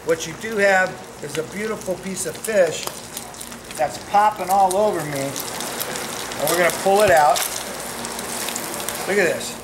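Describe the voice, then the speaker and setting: A fishmonger in his fifties gives an upbeat, joking seafood cooking demo in a small shop kitchen, captured on a camera mic with background noise. His voice is high-pitched and measured, with long pauses in his salesman-like chatter.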